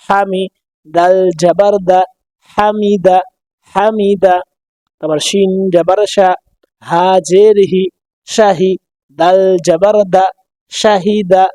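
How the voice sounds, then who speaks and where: A man teaching Quran reading in Bengali, drilling letter sounds slowly and patiently so listeners can repeat after him. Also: high-pitched, dark tone, no echo. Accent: Bangladeshi Bengali. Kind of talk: slow drilled recitation lesson.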